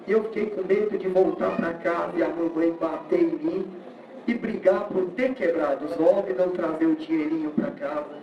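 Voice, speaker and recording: High-voiced Brazilian man in an echoey hall. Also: normal speed, music in the background. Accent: Brazilian Portuguese. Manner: storytelling, acting out the voices in his story. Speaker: church member giving testimony. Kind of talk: emotional testimony in church. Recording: echoey, distant, lo-fi room recording.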